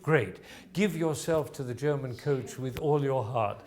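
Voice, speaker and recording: A man's voice: medium pitch, unhurried, darkish tone. A man teaching a voice masterclass in front of an audience, encouraging the singer and explaining as he goes. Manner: encouraging, explanatory, demonstrates sounds and phrases. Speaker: music teacher giving a voice masterclass. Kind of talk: live coaching of a singer before an audience. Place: room with an audience present.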